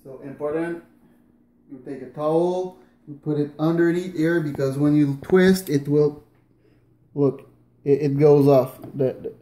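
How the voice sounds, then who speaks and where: Working and moving around his home kitchen at night, a man in his thirties gives a chatty how-to, hesitant with fillers and restarts. His voice is a little high and dark-toned, fairly even, a bit slow with frequent pauses. A distant camera on the counter captures the echoey room and faint background noise.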